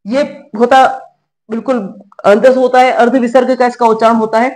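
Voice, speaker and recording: This middle-aged woman, whose voice sits on the high side with a darkish tone, walks her students step by step through a grammar lesson in a classroom style. Patient and explanatory, she keeps asking "ठीक है" and "है ना" to confirm they understand.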